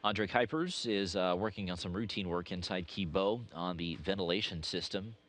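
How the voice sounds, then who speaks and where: Low-voiced American man giving mission updates. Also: a bit bright. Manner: hesitant, frequent uh pauses mid-sentence. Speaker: mission control commentator. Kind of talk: semi-scripted status update narration.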